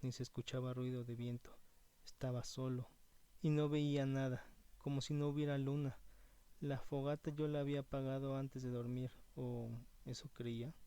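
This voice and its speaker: A man narrating a first-person horror story in a measured, suspenseful way. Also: mid-range voice, dark tone. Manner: measured and suspenseful, slowing on tense moments.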